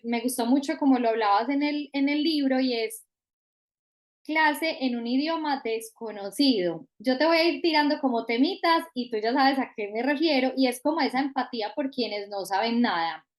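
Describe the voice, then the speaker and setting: A woman hosting a podcast interview, asking questions in a relaxed, conversational way. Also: on the high side. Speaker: podcast host.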